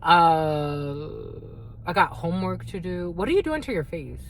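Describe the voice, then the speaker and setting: In an unhurried, sing-song, lowish voice, this tarot reader, a woman whose native language is Spanish, reads the cards casually over slight background noise. She doesn't mince words, curses often, and calls her audience "my lovies."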